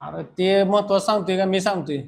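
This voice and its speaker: With a high, brisk voice and some vocal fry, a man lectures his students bluntly and scolds them directly. The setting is a classroom lecture that works as a pep talk.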